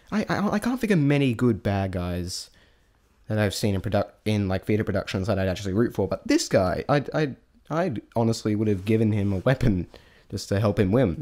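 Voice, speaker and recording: This vlogger reviewing a stage show has a fairly low, slightly mellow voice. His take is loose and meandering, full of restarted sentences and frank, offhand judgments.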